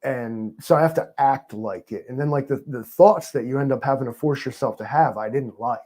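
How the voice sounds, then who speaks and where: A man talks as an interview guest, loose and rambling, full of fillers and sarcastic jokes. His voice is mellow and dark, sitting at an ordinary pitch for a man. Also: brisk. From New York. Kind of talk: casual interview chat.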